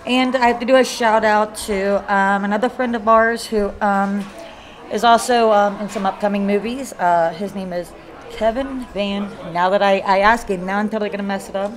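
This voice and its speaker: A woman's voice: medium pitch, fairly even intonation, moderate pace. A middle-aged woman with a Kentucky accent, a guest paranormal investigator chatting casually and rambling with lots of fillers and restarts. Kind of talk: casual live interview chat. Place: haunted hotel event. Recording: live event with crowd chatter behind. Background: crowd chatter.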